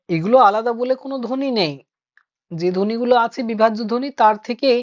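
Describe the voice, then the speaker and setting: A woman teacher leads an online class, patiently working through each point and putting questions to her students. Her voice sits at a middling pitch. The audio is dull and lo-fi, as on a video call. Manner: patient, explains step by step, asks students questions. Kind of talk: online Bengali grammar class.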